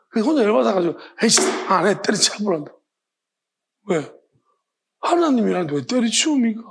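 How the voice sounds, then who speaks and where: A man delivers an evening sermon as a pastor. His voice is gravelly and husky, and he presses his points with rhetorical questions, sometimes acting out the voices of imagined people. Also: high voice.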